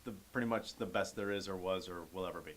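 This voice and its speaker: A man's voice: sits low, quick pace, fairly bright tone, a little hiss or hum. A man co-hosting a podcast who throws in blunt, wisecracking one-liners during a casual chat. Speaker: podcast co-host.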